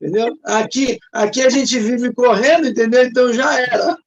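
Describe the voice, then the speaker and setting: A man's voice: very high voice, steady tone, moderate pace. A man with a Brazilian Portuguese accent hosting a casual online chat, hesitant and encouraging, full of filler words. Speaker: host. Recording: muffled lo-fi audio.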